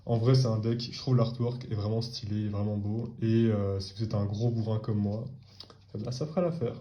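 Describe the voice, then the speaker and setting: A man's voice: fairly low pitch, flat delivery, moderate pace, lo-fi sound. A man casually presenting his card game deck, hesitant with frequent fillers and slangy asides. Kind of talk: casual chat.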